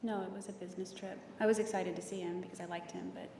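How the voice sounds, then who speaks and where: Quiet flat woman testifying, kinda far off mic, big echoey courtroom. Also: on the low side, fast talker, gravelly, slight background noise. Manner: soft, flat and hesitant. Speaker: testifying witness. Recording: distant, echoey courtroom audio with long reverb.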